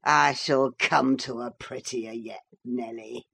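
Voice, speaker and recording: A woman's voice: very deep voice, steady tone, slow pace, vocal fry, fairly bright tone, breathy edge, pitched below the performer's own voice, exaggerated voice. A woman reading the lines of a drunken, cruel young father in an audiobook, voicing reckless threats. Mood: mocking.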